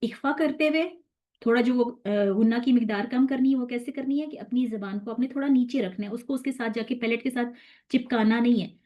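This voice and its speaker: A woman teaching Quran recitation rules in a patient, explaining manner, slowly stretching out the recited verses and often checking that listeners follow. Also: fairly high pitch, muffled recording. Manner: checks in with "theek hai?". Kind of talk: online tajweed lesson.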